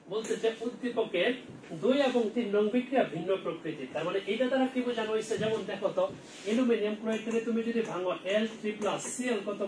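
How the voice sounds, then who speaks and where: A man's voice: high-pitched, noisy background. A man teaching an online chemistry exam-prep class, firing questions at students and answering them himself. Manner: quizzing students and answering his own questions. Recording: roomy, distant mic with faint ambience.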